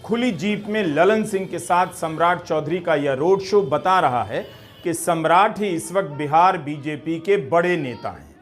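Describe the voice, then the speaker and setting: A man delivering scripted political commentary in a measured, critical tone with rhetorical questions. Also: high voice. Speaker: news commentator.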